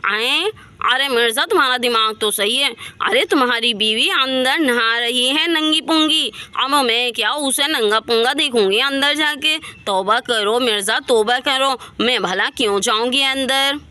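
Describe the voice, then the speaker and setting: A mocking, sharp-tongued young village woman, as a woman storyteller puts her on in a doll bedtime story. Her voice is high and bright. She fires off quick, scornful retorts. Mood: indignant.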